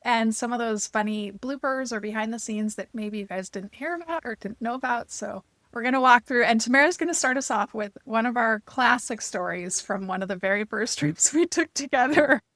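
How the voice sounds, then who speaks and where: Woman, podcast co-host, casual chat, agreeable, laughs easily, slightly high pitch. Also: fairly bright tone. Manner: agreeable, quick to laugh, echoes her co-host.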